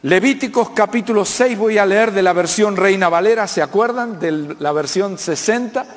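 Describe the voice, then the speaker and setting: A man's voice: high voice, moderate pace. A man in his fifties with an Argentine accent, preaching a sermon and asking the congregation to answer back. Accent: Argentine Spanish. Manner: preaching with call-and-response questions to the congregation. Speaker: pastor. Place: church hall. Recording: long reverb of a church hall.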